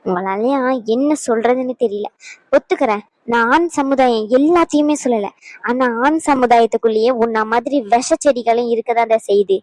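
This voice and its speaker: A woman plays a fierce elder sister in a cartoon drama, scolding in a high voice that lectures without letup. The sound is dry and close, with no room around it. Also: moderate pace, darkish tone, no room sound, lightly acted, low-quality recording. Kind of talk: animated drama dialogue.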